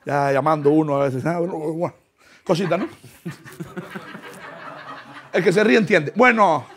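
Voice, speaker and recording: A man's voice: on the high side, a little slow, background noise. A young man tells a comic story, acting out voices and laughing as he goes. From Canary Islands. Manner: animated, acts out voices, laughs through lines. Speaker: comedian.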